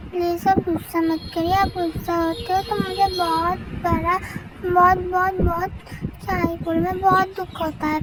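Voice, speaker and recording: A young man doing a pleading tearful little sister. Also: very high voice. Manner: pleading, whiny. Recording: windy outdoor noise from a main road.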